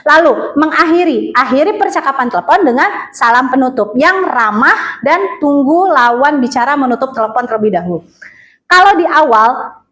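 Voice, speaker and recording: A woman's voice: high voice, lively intonation, moderate pace, fairly bright tone, poor audio. A woman teaching a class on phone etiquette in a chatty way, with many fillers and questions to her students.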